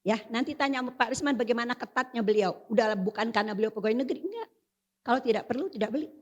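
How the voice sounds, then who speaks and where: An older woman giving a parenting seminar talk, her voice sitting a little high. She speaks in a chatty, lively way and keeps turning to the audience to address them directly. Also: rapid-fire, lo-fi sound. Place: seminar hall.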